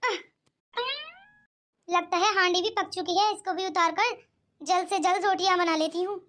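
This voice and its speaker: Cartoon daughter-in-law, voiced by a woman: meek and put-upon, with a piping, very high, bright voice and polite, deferential delivery. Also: fairly even intonation, moderate pace. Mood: resigned. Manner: polite, soft-spoken and deferential. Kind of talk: cartoon voice acting.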